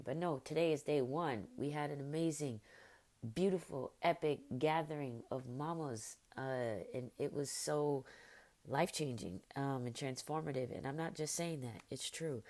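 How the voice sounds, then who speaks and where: A woman hosting a motivational podcast, hoarse and raspy as she is losing her voice from illness, upbeat and encouraging with many fillers. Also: very deep voice, darkish tone. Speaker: podcast host.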